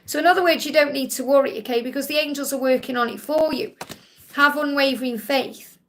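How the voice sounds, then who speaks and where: A woman with a Stoke accent and a high, creaky voice with a bright, forward edge. She hosts live psychic card readings, talking to viewers in a reassuring manner. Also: fairly quick, a little hiss or hum. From Stoke, England. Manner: reassuring, repeatedly checking with "okay?".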